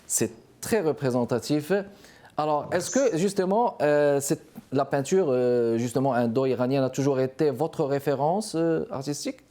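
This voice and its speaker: A man hosting a television arts program, introducing his guest formally and asking questions with an occasional hesitation. His voice is warm and mellow, at an ordinary pitch. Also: normal speed. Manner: formal introductions, some fillers. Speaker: TV show host. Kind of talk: TV interview.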